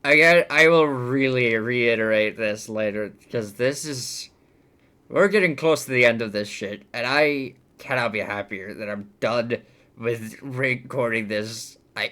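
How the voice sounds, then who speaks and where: A man reviewing a movie he hates, ranting with heavy swearing. He swings between loud outbursts and low, fed-up mutters. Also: a little slow.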